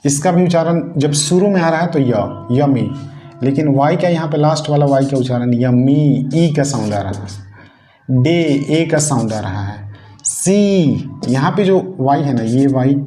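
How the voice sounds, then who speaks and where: This man teaches Hindi grammar in classroom style, his medium-pitched, warm voice animated and moderately paced, with soft music in the background. He goes step by step, repeats the key points, and asks his students questions, in an echoey room with faint noise.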